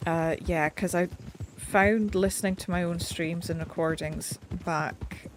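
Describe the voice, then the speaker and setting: Her voice sits on the low side, slightly nasal, with fairly even intonation and a measured pace. She's streaming gameplay and chatting casually, often at her own expense, through a desk mic placed a little away, with background noise present.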